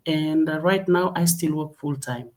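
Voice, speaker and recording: A woman's voice: sits low, unhurried, a little mellow. A woman from Fiji speaking as a guest in an online interview, hesitant, with many fillers.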